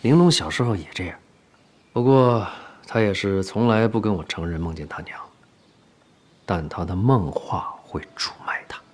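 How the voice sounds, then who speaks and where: A gentle middle-aged father. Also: lowish voice, expressive, moderate pace. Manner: gentle, soft, half-whispered consoling. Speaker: father figure. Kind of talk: period TV drama acting.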